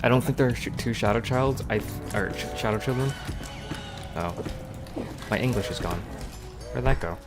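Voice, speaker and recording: A man with a medium-pitched voice livestreams a video game, muttering casual commentary to himself at normal speed with long pauses. His grumbling is exasperated and profane, and loud music plays behind his voice.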